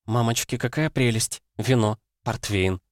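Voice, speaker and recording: A man voicing a cheerful, excitable young woman with a gushing, raised voice in an audiobook. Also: medium pitch, measured pace, no echo, studio quality, lightly acted. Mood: playful gushing.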